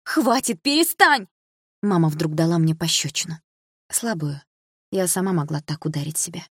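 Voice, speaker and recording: Low, husky woman reading an audiobook. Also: steady tone, brisk, darkish tone, no echo, studio quality. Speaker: audiobook narrator. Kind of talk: first-person audiobook narration.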